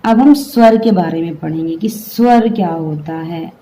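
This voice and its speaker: A woman's voice: on the low side, a little slow, warm tone, poor audio. A woman teaching a grammar lesson, explaining step by step and having the class say the sounds aloud.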